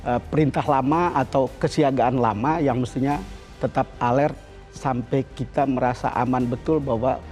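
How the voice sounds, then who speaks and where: A man's voice: mid-range voice, steady tone, normal speed, darkish tone, faint music behind. A man in middle age speaking through a face mask, giving conversational news commentary as a studio guest. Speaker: editorial board member, studio guest.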